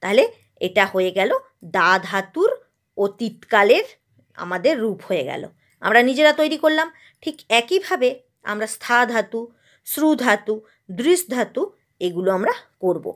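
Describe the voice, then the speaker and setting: A woman's voice: on the high side, sing-song, a little slow, pauses often. A woman from West Bengal teaching a Sanskrit grammar lesson, asking her own questions and drilling verb forms.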